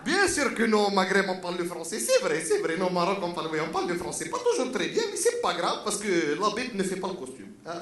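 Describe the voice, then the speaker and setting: A man voicing an agreeable Moroccan man with a Moroccan French accent, lower and easygoing. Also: huge pitch swings, fast talker, few pauses, fairly bright tone, roomy sound, heavily acted.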